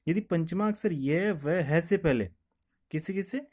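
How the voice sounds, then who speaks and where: A man's voice: fairly high pitch, measured pace, darkish tone, slightly rough. A male teacher talks a class through a grammar lesson. He explains each rule step by step, poses a question, answers it himself, and says the key point again so it sticks. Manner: repeats each point, asks then answers his own questions.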